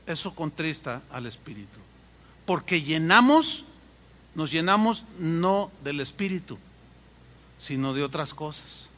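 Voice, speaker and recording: A man preaches a sermon in an animated way, slipping into voices for his anecdotes. His voice sits high and rings bright. The sound comes from a hall with a long, trailing reverb. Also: unhurried. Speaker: pastor.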